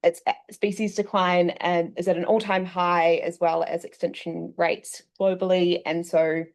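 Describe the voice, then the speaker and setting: A woman from New Zealand giving a presentation to a room full of people. Her voice sits slightly low. She explains in a steady, measured way, filling pauses with ums. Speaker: session co-host presenting. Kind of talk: presentation talk. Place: meeting room with an audience.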